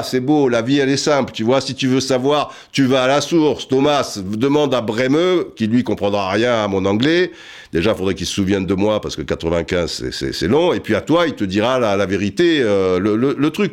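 A man telling a comic story in a rambling, self-mocking way, full of asides and restarts. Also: medium pitch.

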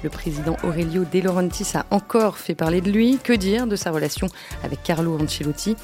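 A woman hosting a football podcast, introducing guests and topics in a clear, measured way. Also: on the low side, a little mellow, faint music behind. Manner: clear, measured presenting with a few fillers. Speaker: podcast host. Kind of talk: scripted podcast introduction and moderation.

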